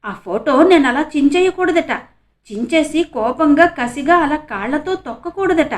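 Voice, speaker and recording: A woman's voice: sits high, normal speed, voice pushed up, natural voice. A woman voicing a tearful college girl. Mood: resentful. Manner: tearful, resentful. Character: tearful young female college student, younger sister. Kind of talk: audiobook character reading.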